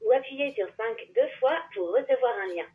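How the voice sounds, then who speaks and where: A woman reading recorded phone menu prompts in a smooth, promotional tone. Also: a little high, normal speed. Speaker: automated phone menu announcer. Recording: phone line.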